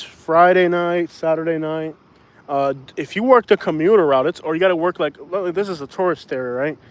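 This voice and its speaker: Man from Cuba, slightly high voice, blunt and opinionated, rambling with restarts, casual livestream chat, outdoors on a city street. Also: low-quality recording. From Cuban. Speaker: rideshare driver and livestream vlogger.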